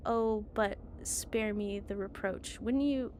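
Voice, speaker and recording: A woman's voice: mid-range voice, takes it slowly, a little mellow, slight background noise, close to an everyday voice. A woman voicing a defiant, reproachful mother in a dramatic mystery game. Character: defiant, self-justifying mother confessing to poisoning her husband.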